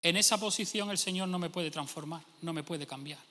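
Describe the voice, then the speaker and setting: A man's voice: a little high, fairly quick, bright, forceful tone. A male pastor, preaching a sermon emphatically and acting out imagined speakers. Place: church hall. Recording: long church hall reverb.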